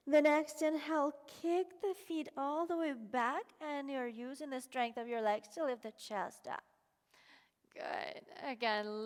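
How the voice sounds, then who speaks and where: Woman yoga instructor, high voice, guided class cues, slightly breathless, long reverb. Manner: calm, encouraging cues while practicing.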